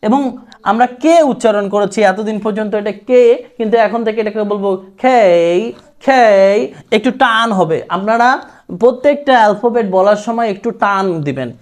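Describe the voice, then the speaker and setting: A man teaching English pronunciation, slowly repeating words and practice phrases for his viewers. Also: high voice. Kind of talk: spoken language lesson.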